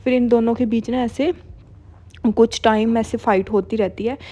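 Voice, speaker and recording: A woman's voice: a little high, steady tone, moderate pace, mellow. A woman casually retelling a drama plot, chatty and full of fillers. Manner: chatty, filler-heavy storytelling. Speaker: drama recap narrator. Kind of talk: casual story recap.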